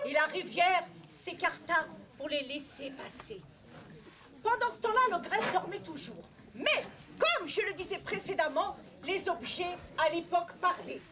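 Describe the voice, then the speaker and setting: A woman storyteller telling a folk tale live at a festival night, lively, with playful asides to listeners. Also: very high-pitched, measured pace, crowd noise. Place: festival night of tales outdoors.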